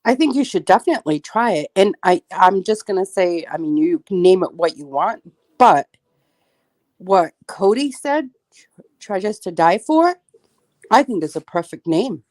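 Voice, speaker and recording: A woman's voice: medium pitch, animated, moderate pace, a little mellow, no room sound. A woman co-hosting a casual reseller livestream chat, effusive and emotional.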